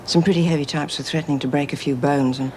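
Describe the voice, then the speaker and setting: A woman's voice: low voice, steady tone, quick pace, background noise, lightly acted. Actress as wistful, resigned woman prisoner. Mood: resigned, pained. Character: resigned, self-sacrificing female prisoner. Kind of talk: television drama acting.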